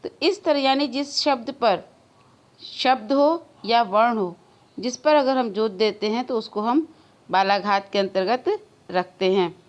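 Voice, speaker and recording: A woman's voice: on the high side, measured pace. A woman teaching a grammar lesson to schoolchildren, repeating key words and asking and answering her own questions. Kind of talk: classroom lesson for children.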